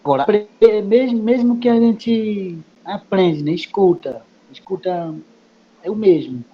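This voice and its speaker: A man whose first language is Kayapó talks very slowly in a somewhat high voice. He explains things haltingly and circles back over the same words. The recording is muffled and lo-fi. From Brazil. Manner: halting, repeats words with many fillers. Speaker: guest speaker. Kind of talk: explaining in a study group meeting.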